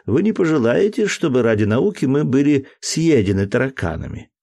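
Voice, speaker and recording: A man reading aloud, voicing a kindly, amused lady passenger who teases gently. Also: medium pitch, big pitch swings, moderate pace, creaky, voice pushed up. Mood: gently teasing. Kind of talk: audiobook character voice.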